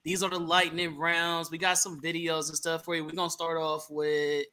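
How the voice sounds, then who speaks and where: A man co-hosting a casual podcast who chimes in with quick agreements. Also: fairly high pitch, little pitch movement, sharp tone. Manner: frequent short agreements. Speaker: podcast co-host.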